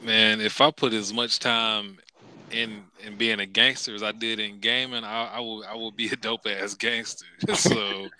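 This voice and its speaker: Bright-voiced hesitant man. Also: fairly low pitch, steady tone, normal speed, low-quality recording. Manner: hesitant, repeats words, chuckling. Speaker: panel guest. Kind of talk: casual round table chat.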